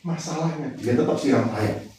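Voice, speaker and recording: A man preaching a sermon in a conversational, lively way, acting out exchanges and laughing often. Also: mid-range voice, moderate pace, slight background noise. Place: church hall. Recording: echoey hall from far off.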